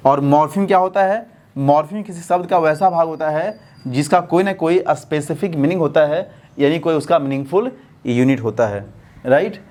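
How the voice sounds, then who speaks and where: A man teaching a basic English grammar class. He asks the class questions and then answers them himself, and he slows right down to dictate when he spells words out. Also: fairly high pitch, darkish tone. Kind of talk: classroom-style lesson explanation.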